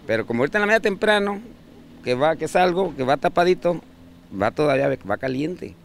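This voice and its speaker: Gravelly-voiced man, rambling. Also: fairly high pitch, expressive, brisk, slight background noise. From Mexico. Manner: rambling, with many fillers and restarts. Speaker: street fish vendor. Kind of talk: casual interview.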